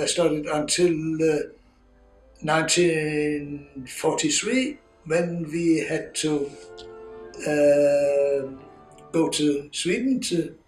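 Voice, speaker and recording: A Danish man in his eighties with a Danish accent, giving a halting oral history account full of pauses and restarts. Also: fairly high pitch, reverberant, low-quality recording. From Denmark. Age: 80s. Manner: halting, with many ums and restarts. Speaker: interviewee.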